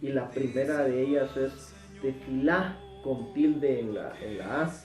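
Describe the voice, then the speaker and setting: A man's voice: mid-range voice, measured pace, warm tone, reverberant, distant mic, soft background music, low-quality recording. A man teaching a Bible sermon in an emphatic way, repeating words for stress. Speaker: preacher.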